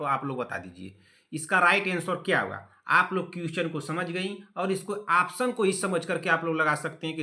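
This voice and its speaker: Young male tutor, bright and slightly high voice, scolds and teases his class, repeats key words. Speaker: teacher. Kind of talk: online exam-prep class.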